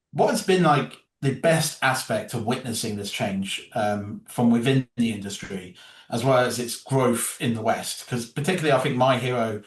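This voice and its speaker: Brief: male host, friendly, filler-heavy, distant roomy recording. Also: lowish voice. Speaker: interview host. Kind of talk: interview questions. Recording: roomy sound from off-mic.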